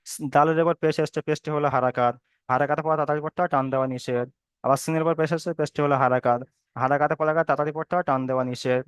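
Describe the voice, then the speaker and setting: A man's voice: on the high side, steady tone, racing, smooth, no room sound. A man teaching a reading class online, patiently repeating and drilling each sound.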